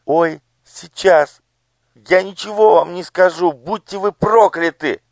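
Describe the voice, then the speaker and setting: A man's voice: medium pitch, a little slow, vocal fry, no echo, pitched above the performer's own voice. A man voicing a frightened young girl disguised as a page, whimpering and pleading in pain, in an audiobook. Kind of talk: audiobook character voice.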